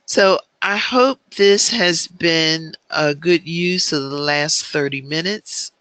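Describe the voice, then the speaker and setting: A man teaching an online business planning class, speaking in a measured way with frequent filler ums. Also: a little high, bright, forceful tone, clean tone, no echo.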